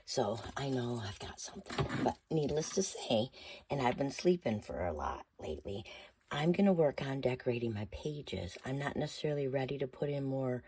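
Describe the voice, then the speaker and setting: Hoarse, squeaky low-voiced woman crafting. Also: expressive, moderate pace, mellow. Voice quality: squeaky, cracking into whispery breaks. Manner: rambling, thinking aloud while working. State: hoarse, squeaky voice from a feverish illness. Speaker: craft vlogger. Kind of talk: casual chatty craft tutorial.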